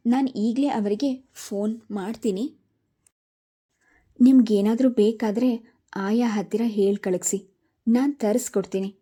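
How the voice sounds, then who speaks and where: Woman narrator playing a direct, cheerful lady doctor, dark mellow voice, storybook. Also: on the high side, steady tone, unhurried, long pauses, husky. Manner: warm, direct.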